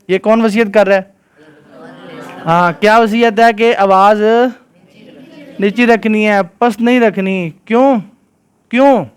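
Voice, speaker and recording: A teacher leads a lesson for young listeners, chanting Arabic verses between his explanations. He keeps checking in with them, asking whether they understand. His voice sits on the high side and comes through smooth and resonant. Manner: keeps quizzing listeners with "right?". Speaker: Islamic scholar teaching children. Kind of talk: religious lesson with Quran recitation.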